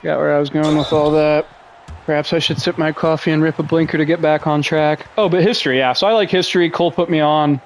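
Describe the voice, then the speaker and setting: A man's voice: on the high side, fairly even intonation, fast talker, a little hiss or hum. A man in his twenties from Russia, hosting a podcast with a casual, rambling, profane, self-deprecating monologue full of fillers. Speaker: podcast host.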